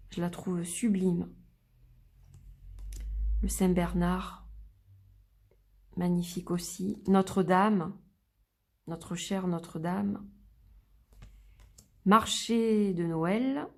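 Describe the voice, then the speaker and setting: A woman reviewing an oracle card deck in a gentle, admiring way, reading the booklet aloud and naming each card. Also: fairly low pitch, fairly even intonation, takes it slowly, long pauses. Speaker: card reader presenting a deck. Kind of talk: unboxing and review.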